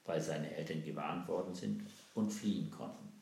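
A man voicing a grieving village mother who tells a secret in hushed, urgent tones. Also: low-pitched, moderate pace, gravelly, a little hiss or hum. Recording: roomy echo.

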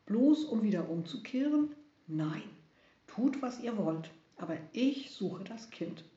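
A woman's voice: mid-range voice, lively intonation, slow, warm tone. A woman voicing a determined, brave young girl traveler who speaks firmly and urgently. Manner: firm, urgent. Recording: roomy, dull recording.

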